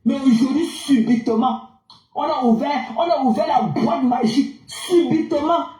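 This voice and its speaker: A woman's voice: high voice, moderate pace, dark tone, echoey room, rough recording. A woman in a heated online argument, scornful and insulting toward her opponent. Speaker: live stream participant.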